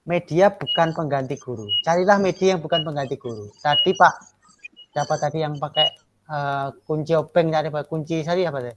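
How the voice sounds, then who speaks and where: Man, teacher-training lecturer, rhetorical questions, stresses key words slowly. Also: on the high side, slight background noise. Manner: rhetorical, keeps asking "ya kan?" for agreement. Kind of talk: classroom lecture and feedback.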